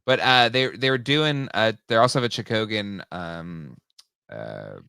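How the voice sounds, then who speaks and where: Chatty man with a bright, forceful voice. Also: fairly low pitch, expressive, unhurried, vocal fry, smooth, no echo, studio quality. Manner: rambling, many fillers and restarts. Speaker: podcast host. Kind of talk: casual chat.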